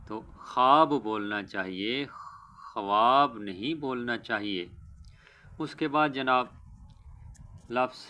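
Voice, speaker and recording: A man teaching a pronunciation lesson, speaking deliberately and stressing each corrected word. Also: mid-range voice, sharp tone. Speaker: Urdu teacher.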